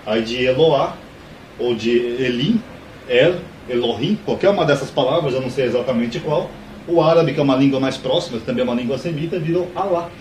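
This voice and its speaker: A man's voice: medium pitch, brisk, darkish tone. A man running a theology channel, explaining in a casual, conversational way, asking rhetorical questions and correcting himself mid-sentence. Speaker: theology YouTuber. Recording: echoey room, mic at a distance, faint hiss.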